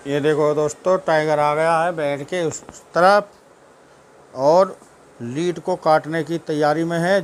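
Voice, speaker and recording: A man's voice: a little high, slight background noise. A man chatting casually at home, narrating his pet dog's antics and talking fondly to the dog.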